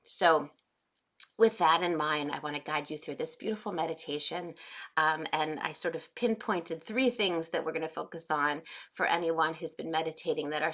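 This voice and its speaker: Low-voiced woman in her 40s teaching a meditation class, slow and gentle, lots of ums. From United States. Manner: gentle, unhurried, many fillers.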